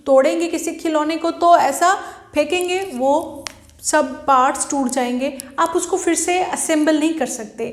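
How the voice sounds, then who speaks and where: In a physics video lecture, a woman with a high-pitched voice poses questions and then answers them herself. The recording has a roomy sound.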